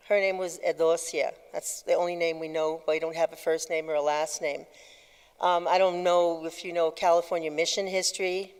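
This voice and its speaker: A woman leading a group session, telling her family's history in a conversational, halting way. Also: fairly low pitch, clean tone. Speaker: workshop leader. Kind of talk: personal storytelling talk. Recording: long hall reverb.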